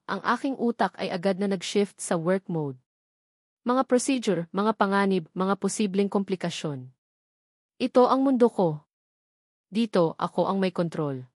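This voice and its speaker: A woman narrating a love story in the first person, in a steady, measured reading voice. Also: medium pitch, dry recording, studio quality.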